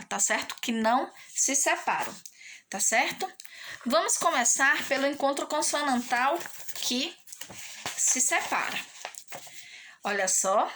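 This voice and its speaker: Give me a patient woman teacher with a high voice, giving a recorded lesson to young children. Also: pushed and bright. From Brazil. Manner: patient and sing-song, asks many tag questions; stretches key words slowly for children. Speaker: primary school teacher.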